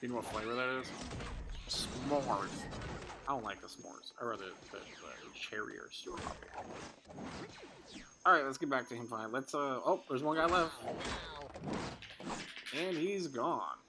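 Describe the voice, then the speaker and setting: Man, mid-pitched, upbeat and playful gameplay commentator, home recording with steady hiss. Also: normal speed, long pauses. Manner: playful, excitable, talks to his child while playing. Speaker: gameplay video host.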